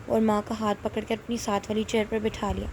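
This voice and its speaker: A woman narrating a short novel aloud in a steady, even storytelling manner. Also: mid-range voice, slight background noise.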